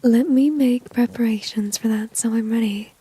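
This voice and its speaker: In a dry, close-miked ASMR roleplay, a woman plays a flirty, dominant villain, whispering teasingly and breathily right against the microphone. Her voice is fairly high yet dark in tone, with a breathy edge and normal speed, and she sounds coaxing and confident.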